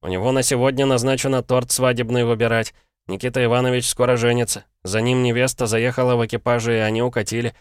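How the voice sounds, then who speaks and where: A man voicing an eager, nervous shop boy of about sixteen who chatters quickly and anxiously. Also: mid-range voice, flat delivery, clear, resonant tone, no echo, studio quality, voice pushed up, lightly acted. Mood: apologetic.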